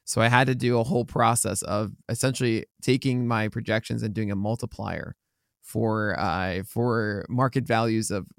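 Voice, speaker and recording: Guy with a bit of a hoarse voice, rambly podcast chat, dry close mic. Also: fairly low pitch, steady tone, moderate pace, no echo. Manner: rambling, self-correcting. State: slightly hoarse. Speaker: podcast co-host. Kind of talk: casual chat.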